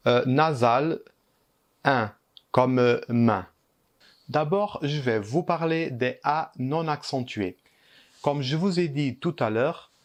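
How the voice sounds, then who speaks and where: A man walks through a language lesson at an unhurried, measured pace. He pauses often and fills gaps with hesitant ums, and his voice sits at an ordinary middle pitch. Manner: slow and deliberate, pausing with hesitant fillers. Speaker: language teacher. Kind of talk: explanatory lesson.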